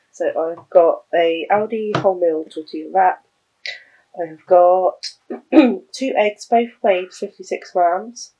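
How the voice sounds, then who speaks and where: A woman's voice: medium pitch, slightly rough, lo-fi sound. A young woman vlogging in a casual, rambling way, chatting to the camera about her day with small laughs.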